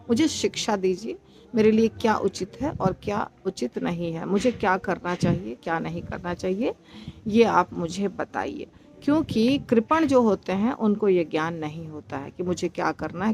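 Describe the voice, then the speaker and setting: A woman teaches verse recitation at a very unhurried pace. She breaks words into syllables and says them again and again, patient, with small fillers and restarts as she explains. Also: medium pitch. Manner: patient, with frequent fillers and self-corrections. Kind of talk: slow explanatory lesson.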